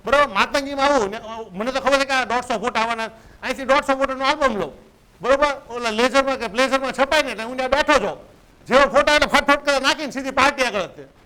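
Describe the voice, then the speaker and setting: A man's voice: very high-pitched, fast talker, pushed and bright, smooth, poor audio. A man, giving a business coach's lecture and often asking his listeners "right?". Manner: conversational, keeps asking "right?" to check in.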